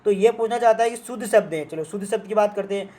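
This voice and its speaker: High-voiced man teaching an exam prep lesson. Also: fast, mellow. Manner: repetitive, asks students questions and answers them himself; acts out students' doubts in a mock voice. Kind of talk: online test walkthrough lesson.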